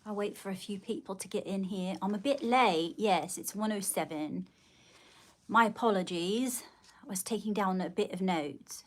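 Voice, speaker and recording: A woman's voice: medium pitch, normal speed. A middle-aged woman hosting a casual livestream, chatting with viewers in an effusive, endearing way. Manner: effusive greetings and terms of endearment. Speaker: livestream host.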